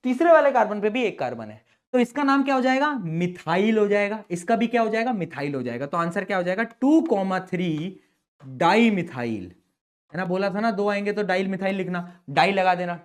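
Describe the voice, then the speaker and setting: A young adult man teaching chemistry in a playful, chatty way, joking with his students. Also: high-pitched. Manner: playful, chatty, calls students beta and bhai. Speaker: chemistry tutor. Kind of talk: chalkboard-style lesson explanation.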